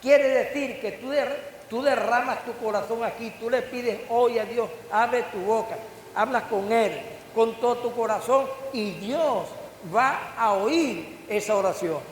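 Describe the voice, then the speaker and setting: Speaking at a measured pace in a very high voice, an older pastor preaches, his delivery swelling in rising bursts as he questions the congregation. The echoey church hall recording carries a faint hiss.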